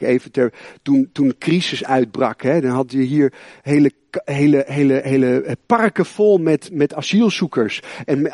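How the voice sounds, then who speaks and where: A man pastor giving a lively sermon, talking with many restarts, repeated words and rambling asides. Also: a little high, no echo, studio quality.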